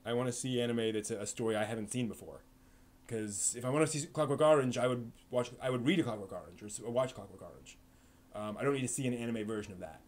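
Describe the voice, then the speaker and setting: Answering questions from his chat, a live stream host rambles casually, with plenty of fillers and false starts. His mid-range voice is quick and a little mellow.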